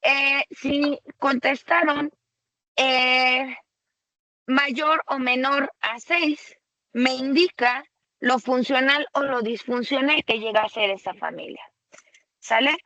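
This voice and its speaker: A woman presenting a webinar lecture for tutors, explaining slowly and conversationally and often checking in with a rhetorical "¿sale?". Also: sits high, fairly even intonation, sharp tone, no echo, lo-fi sound.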